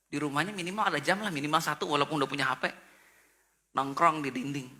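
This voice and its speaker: A male pastor giving a sermon at an online church service, telling stories in an animated way and acting out characters with sudden high exclamations. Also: fast talker. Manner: mixes in English phrases.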